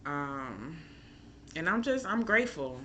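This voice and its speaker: A woman's voice: sits low, very animated, slow pace, bright, forceful tone, a little hiss or hum. A woman from Chicago, a chef and mother, talking candidly and emotionally in a casual personal vlog, rambling with many fillers. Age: adult with a school-age son. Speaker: chef and mom.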